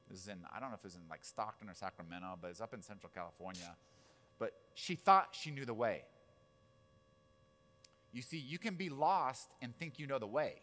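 A man's voice: lowish voice, a bit bright. Male pastor, 40s, conversational sermon, tells stories and keeps checking in with the congregation. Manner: casual storytelling with asides and audience questions.

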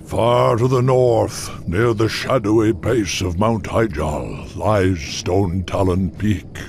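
Cairn, slow deep old bull-man chief. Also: a little mellow, slight background noise. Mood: solemn. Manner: slow, solemn, formal speech. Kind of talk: fantasy video game acting.

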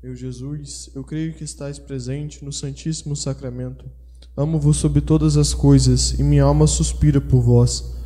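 A man, leading a devotional prayer at Mass and reciting it softly, quietly and steadily. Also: medium pitch, fairly even intonation, moderate pace. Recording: reverberant chapel sound.

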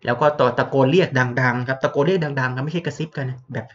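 A man's voice: medium pitch, fast talker. A man teaching basic life support in a chatty, plain-spoken way, stacking polite particles and blunt asides. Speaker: health trainer. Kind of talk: casual instructional lecture. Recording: dull lo-fi audio.

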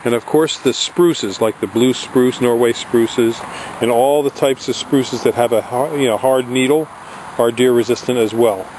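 Man pitching nursery plants outdoors. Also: fairly even intonation, normal speed, darkish tone. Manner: salesy, repeats phone number. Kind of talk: homemade sales pitch. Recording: outdoor camera audio with faint noise.

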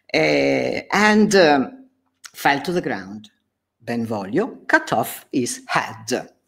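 A woman teacher works through an English story line by line. She reads and explains at an unhurried pace, and her pitch rises and falls freely. Short pauses and restarts break up her explanations. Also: very animated, vocal fry, breathy edge. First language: Italian. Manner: slow, explaining line by line, with hesitations. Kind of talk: reading and translating a story in a lesson.

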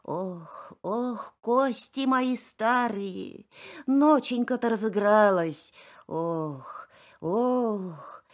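Woman voicing a groaning old pine grandmother. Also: mid-range voice. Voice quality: groaning, slow drawn-out.

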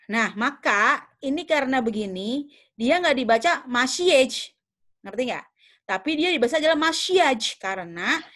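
A woman's voice: on the high side, sharp tone. Young woman teaching, checking understanding. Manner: patient, checks understanding often; thinks aloud with fillers and self-corrections. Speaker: English teacher. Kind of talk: online class explanation.

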